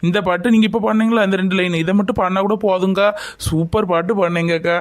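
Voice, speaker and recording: A man's voice: high-pitched, steady tone, fast talker, no echo, lightly acted. A man playing a tearful pregnant young woman. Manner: emotional, pleading, grateful.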